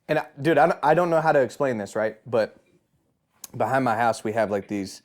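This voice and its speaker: A young man co-hosting a podcast, telling a spooky story in a lively way, laughing and calling his friend bro. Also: mid-range voice, normal speed. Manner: animated, laughing, says bro a lot. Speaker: podcast co-host. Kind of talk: casual chat, telling a scary anecdote.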